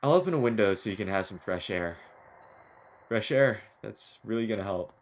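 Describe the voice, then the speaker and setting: A man's voice: fairly low pitch, expressive, moderate pace. A man streaming a video game, chatting jokily and reading the dialogue aloud. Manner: jokey, rambling, reads lines with small voices.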